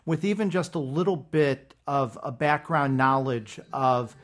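A man's voice: mid-range voice, a little slow, fairly bright tone. A male professor explaining his subject in an interview.

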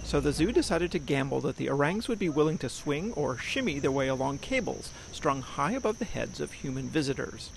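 An American man narrates a radio news feature in a lively, fairly high voice that swoops expressively. His delivery has a gravelly creak, and faint noise sits behind him. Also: brisk, few pauses, rough recording.

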